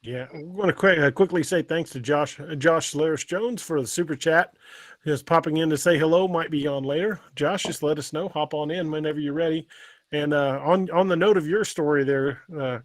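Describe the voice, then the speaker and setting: A podcast host runs a casual livestream, chatting informally and reading out listeners' live chat comments with some salty language. His voice is on the high side and fairly quick, and the recording is dry.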